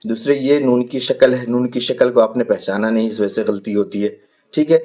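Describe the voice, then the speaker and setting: Guy teaching quran letters, drags out each letter name slow, then talks quick, middle pitch. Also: darkish tone, dull audio. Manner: drawn-out letter names called slowly, then quick explanations. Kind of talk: teaching a Noorani Qaida lesson.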